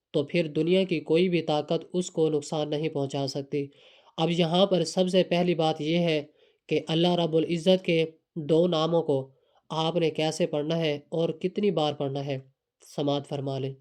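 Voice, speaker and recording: A man's voice: fairly high pitch, darkish tone, clean tone. A man with a Pakistani Urdu accent giving earnest, repetitive step-by-step devotional instructions. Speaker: religious instructor.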